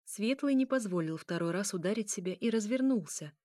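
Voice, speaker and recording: A woman narrating a story in a measured, even reading voice. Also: medium pitch, dry recording, studio quality. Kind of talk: audiobook narration.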